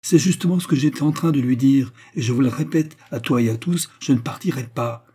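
A man voicing a weak, self-pitying middle-aged husband who whines and shouts in protest, in a storybook reading. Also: medium pitch, steady tone, fairly quick, pitched above the performer's own voice, close to an everyday voice. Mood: shouting.

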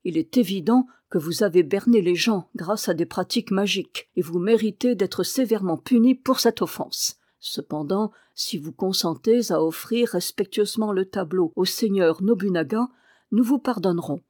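A woman's voice: mid-range voice, normal speed, dark tone, dry recording, clean studio sound, close to an everyday voice. A woman reading aloud as a stern, formal male officer passing judgment. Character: stern male chief officer, severe judge.

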